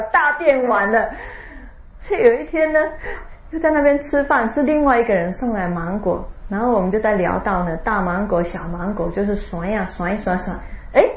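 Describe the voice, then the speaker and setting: A woman giving a Buddhist dharma talk, telling a Zen story with drawn-out particles and laughter. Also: on the high side. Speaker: Buddhist teacher. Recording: roomy, dull lo-fi recording.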